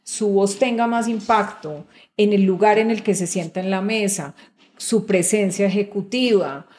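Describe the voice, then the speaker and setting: A woman's voice: mid-range voice, measured pace, darkish tone. Middle-aged woman explaining steadily. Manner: explains patiently, often checks in with "¿ves?" and "¿sí?". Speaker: guest executive. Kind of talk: conversational interview.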